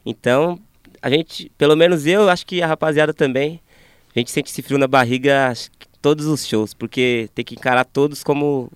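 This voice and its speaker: A man with a smooth, clear voice answers earnestly about his band, steady and sincere. The sound is dry and close. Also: medium pitch, moderate pace, no echo. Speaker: band member. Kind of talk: casual interview talk.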